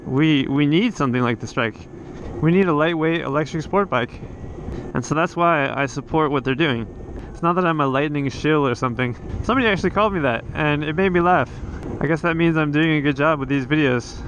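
Riding outdoors on a coastal road, a man records a casual vlog on his helmet camera, speaking briskly in a fairly bright, somewhat high voice. He rambles, restarting often and using lots of fillers. The audio is poor, with slight background noise.

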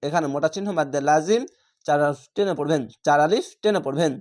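Man teaching slow spelled-out Quran reading. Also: a little high, a little mellow. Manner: spells letters slowly, then chants the words drawn out. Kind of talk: spelling-out recitation lesson.

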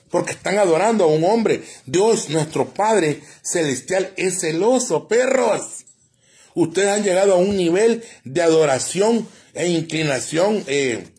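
A man with a strongly husky, somewhat high voice rants live to his viewers. He preaches, insults and prophesies doom. The delivery is heated and sermon-like. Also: a little mellow. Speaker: live streamer. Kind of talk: ranting live-stream monologue.

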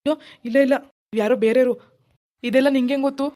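A woman's voice: high voice, steady tone, fast talker, mellow, lightly acted. A woman voicing a lazy, bossy husband in a cartoon, who turns panicky when frightened. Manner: bossy, then panicky and pleading. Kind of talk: animated cartoon voice acting.

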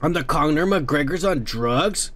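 With a fairly high, fairly bright voice and lively intonation, this American man talks a little slowly. He hosts a home podcast in a dim room, casually reading viewer comments with lots of cursing and filler words.

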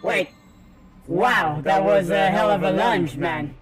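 Speaking slowly despite his excitable energy, a high-pitched man in his thirties streams a game over a headset mic, cursing as he chats with himself and his audience. Faint music plays beneath his commentary.

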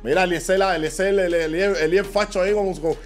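A man's voice: sits high, fairly even intonation, fairly quick, faint music behind. A young Cuban man with a Cuban Spanish accent, joking and bragging in a casual live-stream chat. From Cuba. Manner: boastful, joking, slangy. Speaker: guest.

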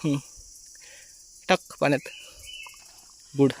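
A man's voice: fairly high pitch, steady tone, takes it slowly, slightly rough. A man vlogging outdoors by a stream pool, cheerfully urging children on as they catch fish. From Konkan, India. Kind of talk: casual outdoor vlog narration.

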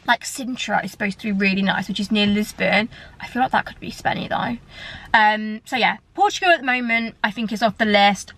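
This young woman talks briskly in a mid-range, slightly bright voice, vlogging from inside a parked car. Holding the camera close at arm's length, she rambles on in a casual chat packed with fillers.

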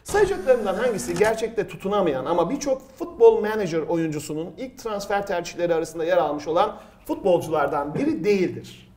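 A man's voice: high-pitched, expressive, brisk, few pauses, a little mellow. A middle-aged or older man hosting a quiz and telling stories in casual, conversational speech. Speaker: quiz show host. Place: studio table, indoors.

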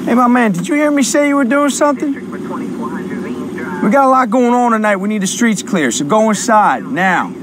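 A man in his thirties playing a hot-tempered, foul-mouthed police officer in a TV crime drama, his calm turning quickly to profane anger. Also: sits high. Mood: firm, controlled. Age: 30s. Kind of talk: naturalistic TV crime drama acting. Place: city street at night, outdoors. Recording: clear outdoor street and vehicle noise.

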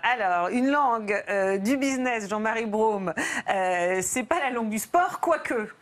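A woman hosting a studio talk show, questioning her guests with quick asides. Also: on the high side, animated. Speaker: TV host.

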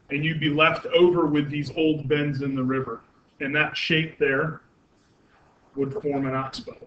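A man's voice: a little high, sharp tone. A man giving a university anatomy lecture, explaining step by step with many fillers and self-corrections and asking the class questions. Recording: muffled lo-fi classroom recording with faint noise.

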